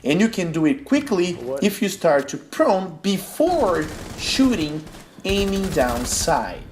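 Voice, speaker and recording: In this tutorial voice-over, a young Portuguese-speaking Brazilian explains gameplay tips one step at a time, his accented English pitched high with big swings. He takes a slow pace, and faint background noise is audible.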